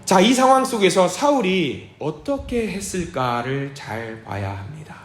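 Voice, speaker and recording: A man preaching a sermon as pastor, lively and theatrical, acting out the Bible figures with shouts and hushed asides. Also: fairly high pitch, a little slow, slight background noise. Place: church sanctuary. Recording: echoey church sound.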